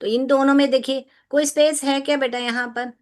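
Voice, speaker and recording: A woman's voice: sits high, steady tone, brisk. A woman teacher explaining a grammar lesson to children, patiently repeating questions and mixing Hindi with English phrases. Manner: patient, repeats questions to students, calls them beta.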